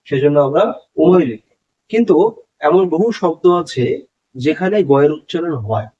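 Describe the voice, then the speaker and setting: A man giving a spelling lesson, explaining patiently and repeating words, with pauses and hesitations. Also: fairly high pitch, darkish tone. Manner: slow, repetitive explanation with hesitations. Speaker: teacher. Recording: dull lo-fi recording.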